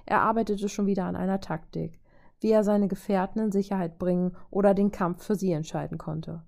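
A woman reading a fan-fiction story aloud in German with a steady storytelling delivery. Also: medium pitch, brisk, vocal fry. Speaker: reader.

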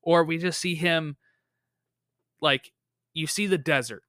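A young man hosting a casual podcast, pitching ideas in a rambling way with plenty of fillers. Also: slow, fairly bright tone, dry recording, clean studio sound. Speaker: podcast host.

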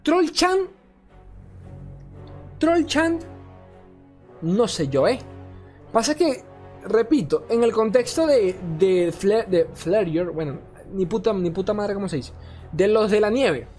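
A lively man talks through game cards in an offhand, chatty review. He curses freely, gets worked up and trips over names he can't recall. Faint music plays underneath. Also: high-pitched, measured pace. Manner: animated, swearing, ranting, often stumbling over forgotten names. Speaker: card game content creator. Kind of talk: casual card review commentary.

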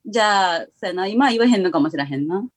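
A woman's voice: mid-range voice, expressive, quick pace, breathy edge, dry recording, studio quality. A woman with a Kansai accent, chatting casually as a guest, teasing and laughing often. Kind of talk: casual chat.

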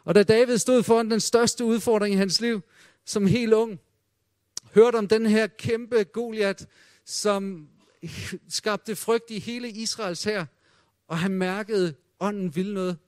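Retelling the old stories with drama, this preacher has a high, light voice with a steady tone. Quoted voices come out almost as a hush, and the sound is close and dry, without any echo from the room.

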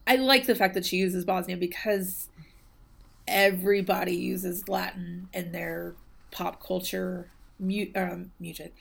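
A woman with a lowish, unhurried voice, fairly even intonation and some vocal fry co-hosts a casual podcast about a book. She sounds thoughtful and hedging, filling her chat with plenty of ums and you knows.

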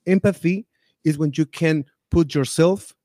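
A man with a fairly high, mellow voice hosts a talk show. He reacts to viewer comments in an animated, exclamatory way. The sound is dry and close. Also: takes it slowly, no echo. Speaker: show host. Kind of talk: live show chat reading viewer comments.

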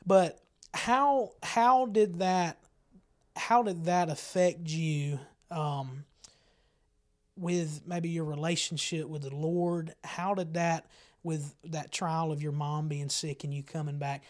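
A man's voice: fairly high pitch, slow. A man hosting a casual church talk show, asking rambling questions and affirming with amens. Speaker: host. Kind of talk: casual interview.

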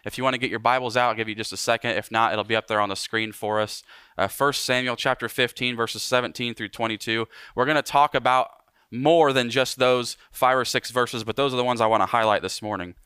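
A young adult man, a pastor, preaching a sermon with animated delivery that slows down for emphasis. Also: mid-range voice, smooth, no room sound, clean studio sound.

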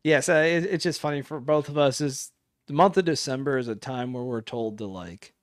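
A man's voice: medium pitch, fairly quick, no echo, studio quality. A man co-hosting a casual podcast, talking in a rambling way with many fillers and restarts. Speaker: podcast co-host. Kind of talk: casual chat.

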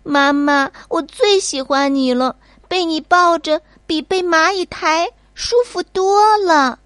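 A woman voicing a small, easily frightened child in a bedtime storybook, with a high pleading voice. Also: takes it slowly, fairly bright tone, exaggerated voice. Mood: relieved. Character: small scared little child, whiny.

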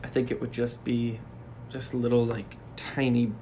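A man's voice: medium pitch, flat delivery, measured pace, mellow, a little hiss or hum. A man co-hosting a podcast, laughing often and riffing playfully in casual banter. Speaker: podcast co-host.

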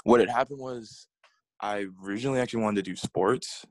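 A man's voice: on the low side, a little fast, dry recording, rough recording. A man, a guest chatting casually and laid-back, with a self-deprecating manner. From Queens, New York. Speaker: guest, music blogger. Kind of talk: casual interview chat.

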